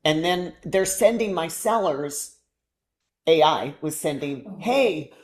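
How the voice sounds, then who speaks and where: A woman's voice: deep voice, animated, slow pace. A woman teaching a real estate training session, explaining step by step in a conversational way. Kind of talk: training presentation.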